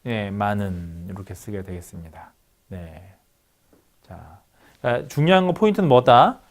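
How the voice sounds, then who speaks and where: A man lecturing on phonetics, asking his students questions and answering them himself as he works through examples. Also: a little high. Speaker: university lecturer.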